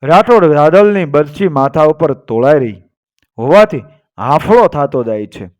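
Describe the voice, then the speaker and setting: Man, storyteller, moral story narration, steady dramatic reading, slightly high pitch. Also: a little slow, highs cut off.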